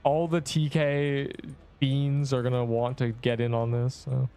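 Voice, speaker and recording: A young man streaming a game, chatting along in a casual, excitable way with gamer slang. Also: medium pitch, unhurried, smooth, faint music behind. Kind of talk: casual livestream commentary.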